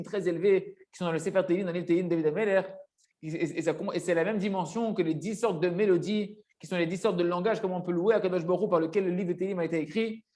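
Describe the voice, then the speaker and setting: High-voiced man teaching a religious lesson. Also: darkish tone. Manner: didactic, emphatic, repeats phrases and checks understanding.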